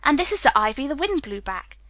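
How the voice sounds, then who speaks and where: A woman voicing a young girl who talks in hushed, solemn whispers. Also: high voice, sing-song, a little fast, no echo, voice pushed up.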